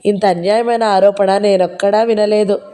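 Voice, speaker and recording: A woman's voice: mid-range voice, fairly even intonation, normal speed, dark tone, lightly acted. A woman reading the lines of a young man who is reserved but teasing, in her own conversational voice.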